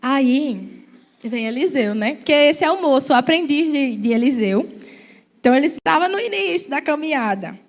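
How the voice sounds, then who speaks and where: A woman's voice: high voice, expressive, normal speed. A young woman with a Brazilian accent preaching a church sermon in a conversational, playful storytelling way.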